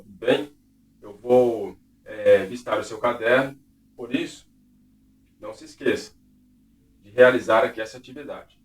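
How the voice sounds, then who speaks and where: A man's voice: medium pitch, fairly bright tone. A man teaching a recorded class lesson in a didactic way, often checking in with the listener. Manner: didactic, checks in with "tudo bem?". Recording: roomy, distant from the mic.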